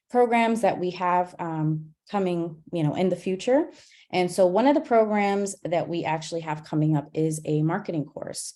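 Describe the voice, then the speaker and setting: A woman hosts an online gathering with a somewhat low voice. She talks in a loose, chatty way, full of "um"s and "you know"s and restarted phrases. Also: darkish tone. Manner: chatty, many fillers and restarts. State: out of breath. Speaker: program host. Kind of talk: casual presentation on a video call.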